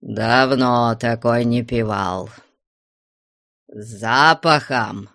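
A man playing a gruff old retired soldier. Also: mid-range voice, extremely slow, no echo, clean studio sound, exaggerated voice. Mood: pleased. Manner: curt and grumbling, warms up over vodka.

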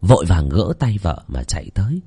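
A man telling a village horror story in a dramatic, expressive voice. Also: deep voice, brisk, husky.

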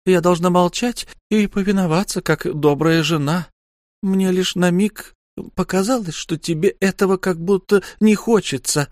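A male audiobook reader voicing a sharp-tongued, defiant young alien wife who speaks in a teasing, mocking tone. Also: sits high, normal speed, no echo, studio quality, pitched above the performer's own voice, lightly acted.

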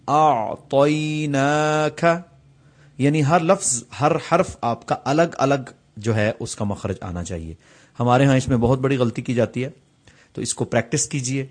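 A man, teaching tajweed, who slowly draws out each recited word and patiently explains common mistakes between the phrases. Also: mid-range voice, darkish tone, breathy edge. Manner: slow, drawn-out recitation of each word, repeated for practice.

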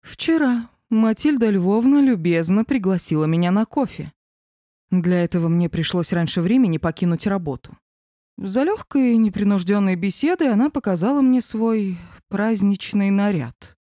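A woman's voice: medium pitch, lively intonation, moderate pace, mellow, no echo, lightly acted. A woman reading an audiobook, voicing a prim, flustered female office boss. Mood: gossiping. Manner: dry, prim.

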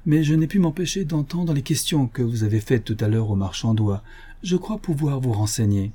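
Sherlock Holmes, a man reading smooth and suave. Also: mid-range voice, moderate pace, dark tone, close to an everyday voice. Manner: smooth, courteous. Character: shrewd, suave male detective. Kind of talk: audiobook reading.

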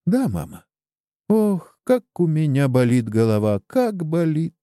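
A man voicing a small sick boy who pleads in a high, childlike way. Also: big pitch swings, measured pace, dark tone, no echo, clean studio sound. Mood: feverish, weak. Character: small sick boy longing for his father.

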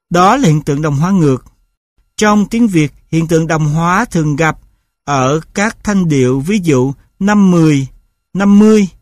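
A man reading a scripted linguistics lecture, spelling out sounds and example words one at a time in a slow, measured way. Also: high voice, no room sound, studio quality.

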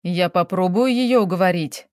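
A woman voicing a flustered, blustering middle-aged male businessman, reading slowly in a dry, close sound. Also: lowish voice, dry recording, lightly acted. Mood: sullen. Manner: agitated, blustering, whining.

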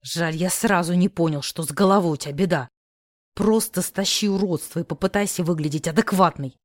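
A woman's voice: fairly low pitch, animated, normal speed, a little mellow, no echo, clean studio sound, natural voice. Woman putting on a smug, bossy rich guy. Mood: commanding. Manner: smug, teasing, hissing orders. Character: mocking, bossy rich young man.

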